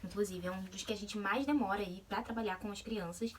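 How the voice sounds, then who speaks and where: A woman's voice: medium pitch, steady tone, a little fast, recorded from a distance, a crowd in the background. A Brazilian woman giving a video lesson on literacy, talking with many hesitations and check-ins to her audience. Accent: Brazilian Portuguese. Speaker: literacy educator.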